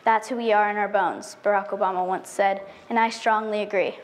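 A woman's voice: mid-range voice, steady tone, brisk. A teenage girl from the United States giving a prepared speech on an auditorium stage, reciting carefully and earnestly. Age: teen. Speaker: student speaker.

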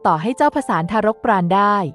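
A woman voicing a proud, wounded young female cultivator in a storybook reading, speaking cold and sharp. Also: mid-range voice, animated, fast talker, faint music behind, natural voice. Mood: angry.

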